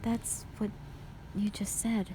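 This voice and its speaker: Lightly acted, a woman's medium-pitched voice with little pitch movement takes things slowly as she portrays a fragile young hospital patient in an audio roleplay. Subdued and remorseful, she speaks hesitantly and apologetically, sighing between short phrases, with piano music and background noise in the recording.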